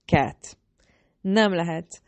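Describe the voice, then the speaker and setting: Egy nő, aki egy hangoskönyvben egy védelmező, parancsolgató, hirtelen haragú fiatal férfit szólaltat meg. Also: female voice, lowish voice, darkish tone, no room sound, close to an everyday voice. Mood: stern. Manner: commanding, exasperated. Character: protective, bossy young man, quick to anger.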